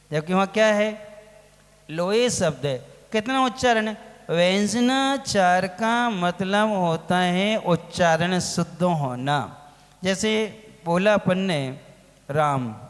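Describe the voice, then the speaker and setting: A man giving a religious lecture as a monk, asking his listeners questions and answering them himself, drawing out key words slowly. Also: high voice. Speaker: Jain monk teaching a scripture class. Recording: long hall reverb.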